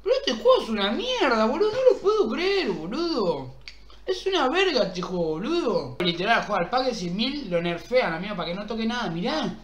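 A young man with an Argentine Rioplatense accent, commentating his own pack openings in a football game, excitable and swearing as he begs the game for luck. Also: high-pitched, brisk. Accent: Argentine Rioplatense Spanish. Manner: excitable, swearing, pleading with the game, outbursts of yelling. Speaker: gaming streamer. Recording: roomy echo.

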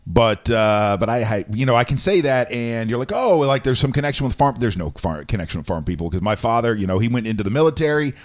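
Man, middle-aged, radio host, from Florida, lively, rambling, small studio. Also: mid-range voice, fast talker, hardly any pauses. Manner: rambling, filler-heavy, lively questioning. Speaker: radio talk show host. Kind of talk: casual interview chat. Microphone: studio mic on boom arm, headphones.

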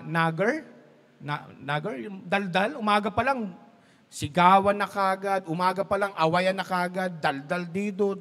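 A man's voice: sits high, a bit bright, long reverb tail. A man preaching a sermon as pastor, mixing Tagalog and English, telling jokes and laughing at his own stories.

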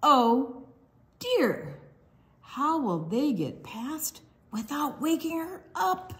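A children's storytime reader shares a picture book with small children, her pitch swinging widely and expressively. She reads very slowly, stretching out words and slipping into hushed asides.

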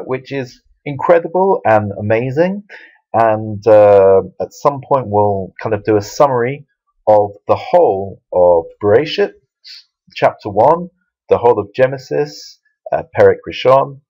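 A man's voice: mid-range voice, darkish tone, dull audio. A man teaching Hebrew letters from a Bible verse in a video lesson, explaining patiently with fillers and restarts. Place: Jerusalem.

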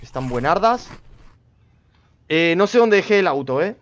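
A man giving casual gameplay commentary, chatting to himself and his viewers with sudden loud outbursts. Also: sits high, animated, a little slow, slight background noise. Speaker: gameplay streamer.

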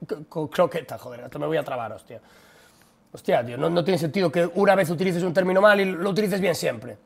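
A young man with a Spanish accent from Spain talks straight to his live-stream audience. He rants bluntly and profanely, with rapid-fire delivery and a slightly raised pitch. His voice has a gravelly, creaky edge. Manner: blunt, profane, exasperated ranting. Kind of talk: casual live-stream chat ranting at viewers.

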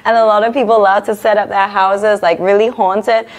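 A woman's voice: mid-range voice, flat delivery, moderate pace. A woman hosting a product interview, gushing with enthusiastic praise over each item. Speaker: interviewer host.

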